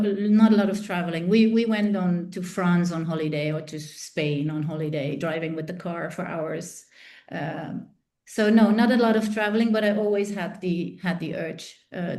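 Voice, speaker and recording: A woman's voice: on the low side, steady tone, normal speed, mellow. A middle-aged woman from the Netherlands, a podcast guest telling her life story thoughtfully, with many fillers and restarts. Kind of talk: interview storytelling.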